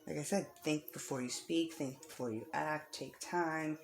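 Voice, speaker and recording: Here a woman with a low voice talks at normal speed over a slight hiss or hum, doing an informal tarot reading for whoever's watching. Her tone is supportive and comforting, and she leans on repeated phrases for emphasis.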